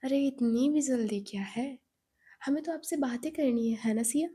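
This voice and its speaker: A woman's voice: sits high, normal speed, warm tone, breathy edge. A woman voicing a bold, blunt young woman friend who teases and scolds in a storytelling role voice. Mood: teasing. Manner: teasing, blunt, indignant.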